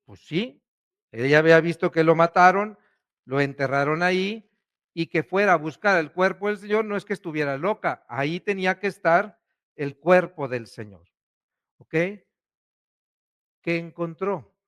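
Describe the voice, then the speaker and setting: A man, a priest preaching a sermon, asking questions and swinging between loud and hushed delivery. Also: fairly high pitch, normal speed, pauses often, smooth.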